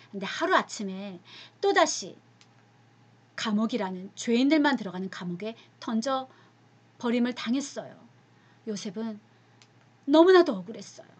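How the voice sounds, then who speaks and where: A woman's voice: mid-range voice, slightly rough. A woman teaching a youth group, telling a Bible story as a sermon; she speaks animatedly, asks the listeners questions and drops to a whisper at times.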